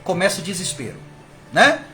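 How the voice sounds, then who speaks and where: A man's voice: high voice, huge pitch swings, brisk, bright, forceful tone, soft background music. A man preaching a sermon with fervor, speaking to his listeners as brothers. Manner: fervent, rising and falling, addresses listeners as brothers.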